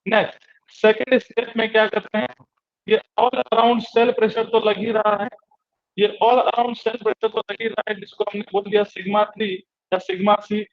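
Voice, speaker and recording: Man lecturing, high voice, repeats terms, asks own questions, dull lo-fi sound. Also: little pitch movement, moderate pace. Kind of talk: classroom lecture. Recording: dull lo-fi recording.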